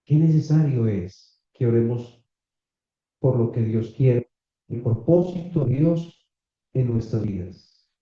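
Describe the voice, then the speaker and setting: Male preacher, unhurried and deliberate, questioning his congregation; roomy, muffled recording. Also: mid-range voice. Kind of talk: sermon. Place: small church meeting room. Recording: echoey, slightly dull church recording.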